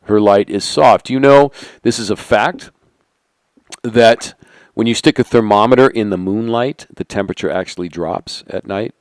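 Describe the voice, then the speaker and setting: A middle-aged man holding a conspiratorial monologue, asking rhetorical questions and sinking into quiet asides. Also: fairly low pitch, normal speed, no echo. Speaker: channel host. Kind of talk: monologue to camera.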